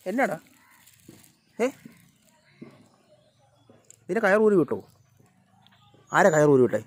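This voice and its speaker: A man talking casually to his cats and dogs outdoors by a road, coaxing them and sometimes shouting at them to move. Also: high-pitched, big pitch swings, slow pace, no echo. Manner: coaxing and scolding the animals, shouting now and then. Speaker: vlogger. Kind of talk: casual chat with his pets.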